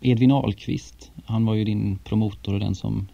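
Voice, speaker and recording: A man interviewing a guest in a radio studio, asking plain questions in a relaxed way. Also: on the low side, gravelly, no echo, muffled recording.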